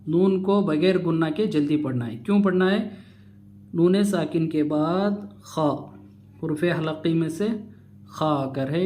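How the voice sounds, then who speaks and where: Slow-spelling male Quran reading teacher. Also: a little high, darkish tone, a little hiss or hum. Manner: spells letters and vowels aloud, then explains rules briskly. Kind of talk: slow spelled-out recitation lesson.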